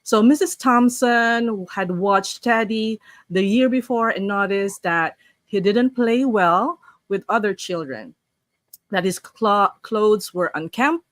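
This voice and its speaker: Hosting a casual online session, a woman from the Philippines chats through warm-up greetings, then reads a story aloud, restarting often. Her medium-pitched voice is animated but slow, and the recording is dry.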